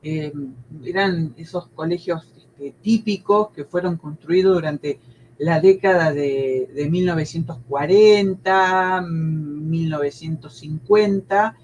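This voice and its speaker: A woman in her sixties from Argentina with a Buenos Aires province accent, a history teacher speaking as an interview guest and recalling her schooling, often pausing with fillers and restarting. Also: deep voice, a little mellow, highs cut off, slight background noise. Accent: Argentine Spanish, Buenos Aires province. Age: 60s. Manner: hesitant, many fillers and restarts. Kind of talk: conversational interview.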